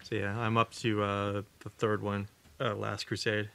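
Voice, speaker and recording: A man's voice: lowish voice, monotone, unhurried, vocal fry, bright, forceful tone, smooth. A man co-hosting a podcast, chatting casually in short, laid-back remarks. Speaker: podcast co-host. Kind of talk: casual chat.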